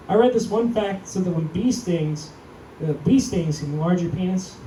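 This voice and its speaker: Young guy doing standup, high voice, deadpan and self-deprecating, echoey club mic, crowd noise behind. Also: far from the mic. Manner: deadpan, self-deprecating, acts out quotes in a raised voice. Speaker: stand-up comedian. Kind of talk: stand-up comedy set. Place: comedy club stage.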